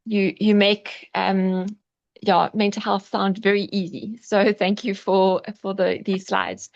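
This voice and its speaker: A woman's voice: medium pitch, flat delivery, slow pace, vocal fry, no echo. A woman clinician joining a webinar call to thank the presenter, speaking hesitantly and repeating words. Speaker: webinar participant, fellow clinician. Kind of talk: casual comment on a video call. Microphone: video call audio. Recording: dull, dry, distant call audio.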